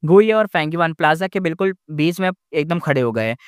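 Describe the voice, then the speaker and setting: A man's voice: a little high, expressive, a little fast, smooth, no room sound, clean studio sound. A man recapping a fantasy novel in casual narration, rambling with frequent fillers and restarts.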